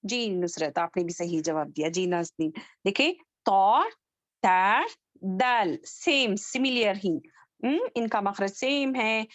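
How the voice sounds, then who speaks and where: A woman's voice: medium pitch, expressive, a little slow, no room sound. A woman teaching a Quran recitation class online, patiently drilling letter sounds and asking the students if they follow.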